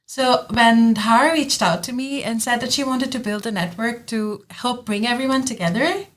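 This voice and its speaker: A young woman from India speaks in a measured, prepared way for a student podcast. Her voice sits a bit high. She sounds like she is reading what she has written. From West Bengal, India. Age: young adult. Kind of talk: scripted podcast talk.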